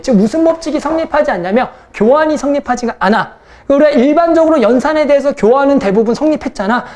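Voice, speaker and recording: A woman's voice: on the high side, a little mellow. A young woman math teacher lecturing a class, casual and teasing, who keeps checking in with her students.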